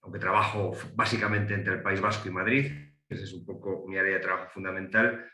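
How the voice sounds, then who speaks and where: A deep, bright, forceful voice comes from a middle-aged economist from Galicia, Spain, who speaks on a panel with a Galician Spanish accent. Though his delivery is flat and quick, he hesitates with many fillers and restarts. The recording has a roomy echo.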